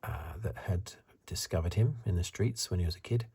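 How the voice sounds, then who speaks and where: The man speaks at a normal speed in a low-pitched, husky, breathy half-whisper. As an ASMR reviewer, he rambles and muses through soft commentary.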